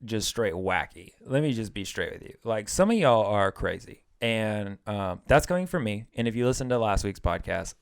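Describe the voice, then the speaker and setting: A young man co-hosts a podcast with a smooth, resonant voice, recorded dry and close. He keeps the chat loose and joking and laughs easily. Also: on the low side, expressive, dry recording. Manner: joking, playful, quick to laugh. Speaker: podcast co-host. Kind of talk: casual chat.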